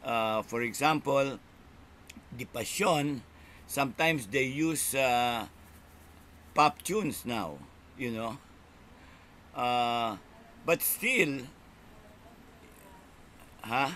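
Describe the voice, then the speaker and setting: An older man, a keynote speaker, answering questions on a video call, halting with many pauses and tagging sentences with "no?". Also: mid-range voice, animated, fairly bright tone, slight background noise. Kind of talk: unscripted academic Q&A. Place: small indoor room. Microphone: webcam on a video call.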